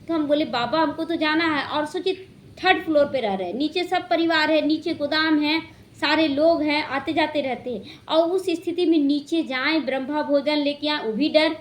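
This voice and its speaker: High-voiced woman giving a devotional talk. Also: normal speed, slight background noise. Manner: earnest storytelling, quoting others in softer voice. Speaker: spiritual speaker. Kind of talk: devotional talk with personal story.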